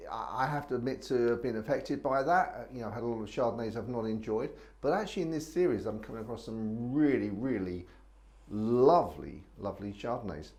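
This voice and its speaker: A man's voice: medium pitch, lively intonation, a little fast, a little mellow. A man hosting a casual wine tasting, chatting and rambling with many restarts. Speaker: wine reviewer host.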